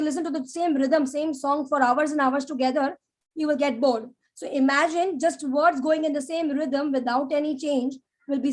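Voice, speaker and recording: A woman teaching a live public speaking class, animated and demonstrative, often checking in with "yeah?". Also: high-pitched. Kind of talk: live online class lecture.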